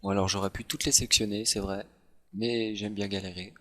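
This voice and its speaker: A man calmly walking through software steps in a screen-recorded tutorial, with self-mocking asides. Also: on the low side, normal speed. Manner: relaxed step-by-step explaining, self-mocking asides. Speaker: tutorial host.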